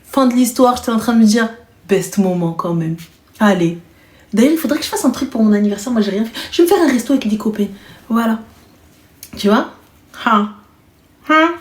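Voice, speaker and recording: A woman in her thirties hosts a live call-in stream, teasing and joking with her callers. Her voice sits a little high, and the room around her rings with echo. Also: expressive, a little fast, long pauses. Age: 30s. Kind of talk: casual live chat.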